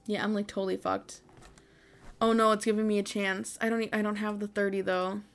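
Woman doing chill informal gameplay commentary, medium pitch, self deprecating. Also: level tone, brisk, creaky. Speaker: gaming video host. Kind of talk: casual game commentary.

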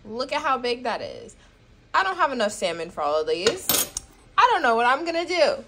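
A young woman in her twenties rambles through a cooking vlog into her phone camera, recorded in a small home kitchen and apartment room. She mocks herself and fills her talk with fillers. Her voice sits on the high side, with big pitch swings, a moderate pace, and background noise behind it.

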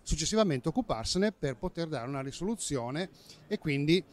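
A man's voice: fairly high pitch, expressive, moderate pace. A man in his fifties demonstrating a safety app at a busy indoor trade fair stand, speaking into a handheld mic, explanatory and fluent with small self-corrections. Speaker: company safety manager. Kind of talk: trade fair product demo. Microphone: handheld interviewer mic.

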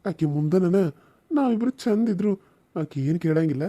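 A man's voice: high-pitched, animated, moderate pace. A man playing a cruel cartoon husband. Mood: coaxing. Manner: snarling threats, then softly coaxing to his lover. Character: menacing cruel husband, threatens his pregnant wife. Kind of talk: cartoon serial voice acting.

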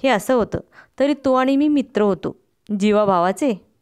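A woman who runs a study channel, reading a short story aloud in a steady, expressive storytelling manner. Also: mid-range voice, normal speed, clear, resonant tone. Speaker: story reader, channel host.

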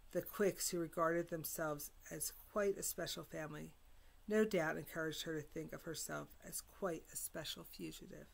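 A woman reading a chapter of a novel aloud, giving the dialogue quiet voices in a measured, even delivery. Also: low voice, gravelly. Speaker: reader.

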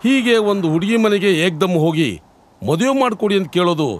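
A man's voice: sits high, expressive, a little fast. An actor playing an older village headman who questions a young man before the council. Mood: stern. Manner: questioning, judicial.

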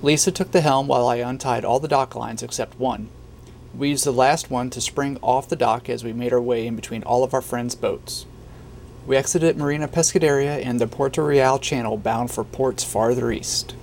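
A middle-aged man reading a calm, matter-of-fact narration of a sailing trip. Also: mid-range voice, normal speed, vocal fry, slight background noise. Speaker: sailing vlogger. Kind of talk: scripted voice-over narration.

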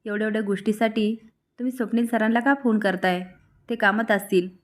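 A woman's voice: medium pitch, fairly even intonation, brisk, natural voice. Brief: polite, soothing young woman of the house, read by a female narrator.

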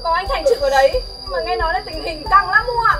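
A woman's voice: very high-pitched, animated, quick pace. A woman playing a tearful, whining young waitress in a comedy sketch. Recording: distant mic with music behind.

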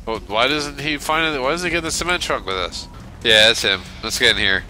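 A man joking and reacting loudly while he and a friend play a video game together. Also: mid-range voice, expressive, brisk, a little hiss or hum. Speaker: gamer. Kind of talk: casual co-op gameplay commentary.

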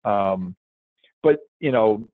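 A man's voice: lowish voice, lively intonation, extremely slow, no echo. A man co-hosting a webinar over an online call, chatting casually and rambling with fillers and restarts. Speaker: podcast host and webinar co-presenter. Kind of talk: casual conversational webinar talk. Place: at a conference, joining remotely. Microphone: online call audio. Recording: tinny call-line audio, dry.

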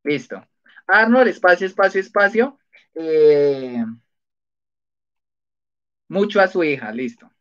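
A man runs a casual spelling quiz over a live stream, chatting and often laughing as he gives the answers. His voice is a little high and a bit bright, with a sing-song lilt, a slow pace and long pauses. It's captured in dull, lo-fi audio.

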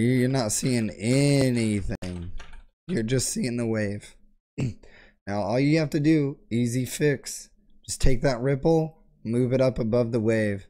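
A young man, his medium-pitched voice hoarse from a sore throat, hosts a relaxed screen-share tutorial on tech, throat-clearing again and again. He's at home in his gaming room, wearing a headset with the boom mic near his face.

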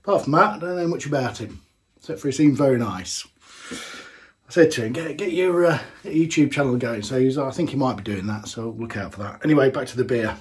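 A man's voice: medium pitch, lively intonation, fairly quick. A man, chatting casually as he tastes a homebrewed beer in a small home brewing room, thinking aloud with plenty of fillers. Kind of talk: casual tasting vlog.

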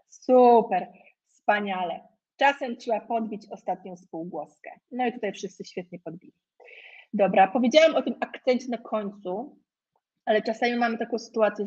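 A woman's voice: fairly high pitch, darkish tone. A woman teaching an online English lesson, upbeat and full of praise, with small jokes along the way. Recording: lo-fi webinar audio.

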